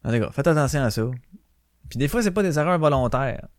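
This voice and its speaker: A man's voice: on the high side, expressive, brisk, no echo, clean studio sound. A man with a Québécois French accent hosting a casual solo podcast, telling stories in a profane, ranting way. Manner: swearing, ranting storyteller who acts out quotes. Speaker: podcast host.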